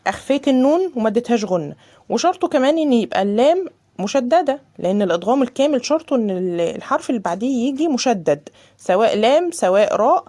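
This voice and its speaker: A woman with an Egyptian Arabic accent, teaching a Quran recitation lesson in a casual, chatty way and drawing out the recited examples slowly. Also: fairly high pitch, sing-song, mellow. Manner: explains casually, then drawls examples slowly.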